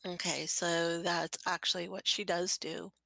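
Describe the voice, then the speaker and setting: A woman playing a tabletop role-playing game, describing her character's actions in a measured, hesitant, casual way. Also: lowish voice, level tone, vocal fry, fairly bright tone, no echo.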